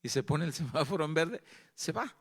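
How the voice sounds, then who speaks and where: A man's voice: a little high, lively intonation, moderate pace. A male pastor with a Mexican accent, preaching a sermon with earnest storytelling and repeated phrases. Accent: Mexican Spanish.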